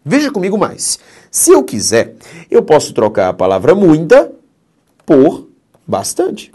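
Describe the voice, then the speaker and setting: A man's voice: on the high side, wildly swooping pitch, measured pace, warm tone. A man with a Brazilian Portuguese accent teaching grammar in a recorded exam-prep lecture, speaking emphatically and often checking in with "ok?".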